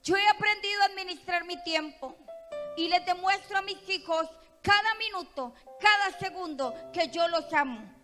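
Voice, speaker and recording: A woman pastor with a Costa Rican accent, preaching a sermon in a church with impassioned, emphatic delivery that swells to loud peaks. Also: very high-pitched, normal speed. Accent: Costa Rican Spanish. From Costa Rica. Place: church hall. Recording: reverberant church hall with music.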